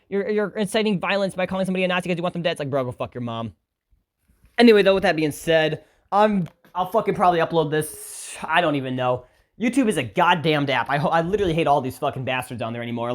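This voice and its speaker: A man angrily ranting to his viewers as a YouTuber, swearing heavily and firing off sarcastic rhetorical questions. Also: high-pitched. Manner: heated, profane, repeatedly swearing. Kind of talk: angry vlog rant to camera.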